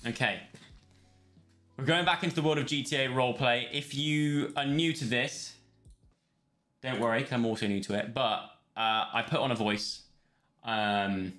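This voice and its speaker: A man's voice: mid-range voice, fairly bright tone. A young man chatting casually on a live stream, rambling between topics and thanking viewers. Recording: roomy sound with faint music.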